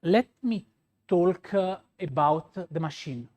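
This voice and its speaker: A man's voice: sits high, expressive, slow pace, a little mellow. A male pastry chef from Rome with a Roman Italian accent and Italian as his native language gives a live demonstration, searching for words and repeating points for emphasis. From Rome, Italy.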